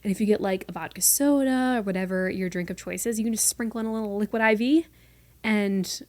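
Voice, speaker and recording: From her room, a woman in her twenties from North Carolina hosts a casual solo podcast in a medium-pitched, darkish voice with no echo. She chats quickly and playfully, mostly in a neutral American accent that at times slides into a light Southern lilt.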